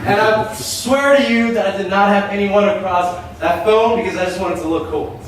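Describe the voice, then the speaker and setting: A young man raised in Shanghai, giving an animated opening talk at a design meetup, telling personal stories with frequent filler "uh". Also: high-pitched, normal speed, distant mic, slight background noise. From Nepal-born, raised in Shanghai, China. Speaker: meetup host and speaker. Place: event space with an audience. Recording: very echoey hall, voice from afar.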